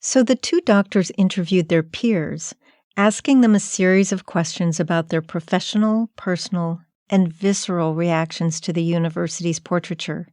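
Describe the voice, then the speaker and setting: A woman hosting a documentary podcast, narrating in a measured, reflective storytelling manner. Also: lowish voice, darkish tone, dry recording, studio quality. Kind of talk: scripted narration.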